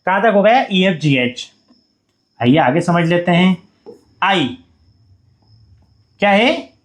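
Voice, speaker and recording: A male English teacher works at the board with beginners, patiently posing questions, echoing them back to the class, and supplying the answers himself. He talks slowly in a high voice with big pitch swings.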